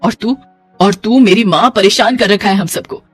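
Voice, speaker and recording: A woman's voice: mid-range voice, normal speed, breathy edge, soft background music, lightly acted. Woman doing a scolding mother-in-law. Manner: exasperated, scolding, dramatic laments. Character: fussy traditional middle-aged mother-in-law.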